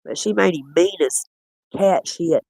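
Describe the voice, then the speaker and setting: A man chatting casually while reviewing footage, rambling and quick to laugh. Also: high-pitched, creaky, a little mellow, dry recording. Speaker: cryptid-hunting streamer.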